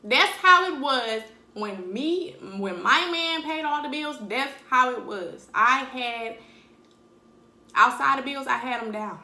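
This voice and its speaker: A woman's voice: sits high, lively intonation, slow, pushed and bright, reverberant. A young woman talking bluntly and animatedly in slang during a casual eating-video monologue at home. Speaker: vlogger.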